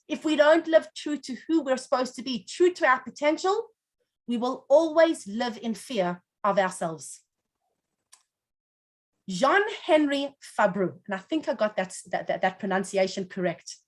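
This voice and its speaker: A woman teaching a class, telling a parable in an expressive storyteller's way with dramatic pauses. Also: sits high. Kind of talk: storytelling lesson.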